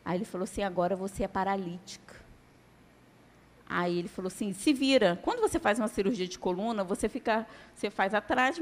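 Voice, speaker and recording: A woman giving a church testimony as a sermon, telling her story dramatically and acting out the dialogue. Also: mid-range voice.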